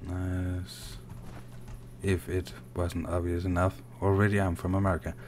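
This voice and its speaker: This gaming streamer is a Danish man whose low voice stays level as he talks slowly and softly, half-muttering while playing and replying to viewers in chat. Faint game ambience and a little hiss or hum can be heard.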